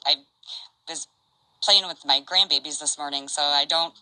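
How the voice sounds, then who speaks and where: An older woman casually chatting on a stream, reading out messages in a halting, rambling way. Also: low-pitched, bright, forceful tone, no room sound, rough recording. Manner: rambling, halting, restarts and asides.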